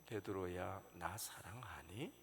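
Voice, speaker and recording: A man voicing a calm, gentle male teacher who asks quietly, low, soft, slow and half-whispered. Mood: tender. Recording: reverberant church hall, faint noise.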